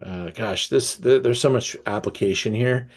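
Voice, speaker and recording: A man hosting an online wine tasting, reading tasting notes aloud and breaking off to react with enthusiasm, often pausing with fillers and restarts. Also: mid-range voice, darkish tone, husky. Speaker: wine merchant presenting a tasting.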